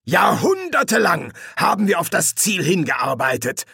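Audiobook demon villain, menacing and smug, drawn-out delivery, lively pitch, as a male narrator puts him on. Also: creaky, husky, no room sound, clean studio sound, heavily acted. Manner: slow, gloating.

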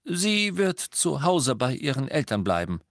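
A man's voice: mid-range voice, very animated, measured pace, fairly bright tone, no room sound, studio quality, pitched above the performer's own voice. A man reading an audiobook and voicing a weary, guarded middle-aged male werewolf teacher who talks in a tense, insistent way. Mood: earnest, insistent.

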